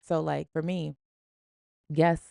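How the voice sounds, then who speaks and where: A woman's voice: deep voice, level tone, slow, creaky, mellow, clear, resonant tone, no echo, studio quality. A woman hosting a podcast, giving an emphatic, slangy, preachy motivational talk in a casual style. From Springfield. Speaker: podcast host.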